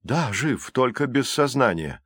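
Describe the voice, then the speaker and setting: A man voicing a good-humoured, courteous gentleman who jokes gently. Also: medium pitch, big pitch swings, measured pace, husky, dry recording, clean studio sound, heavily acted. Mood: strained, reporting.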